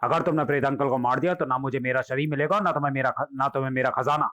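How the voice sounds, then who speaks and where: A man's voice: mid-range voice, steady tone, fast talker, bright, forceful tone, natural voice. A man voicing a cruel, demonic male ghost villain who speaks in a menacing, commanding way.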